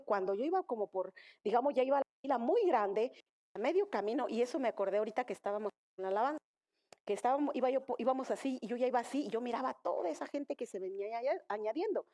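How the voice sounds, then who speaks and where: Woman, high voice, church testimony, emotional, repeats herself, speaks to the congregation. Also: a little mellow. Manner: emotional, repetitive, addresses congregation directly. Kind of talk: testimony sermon.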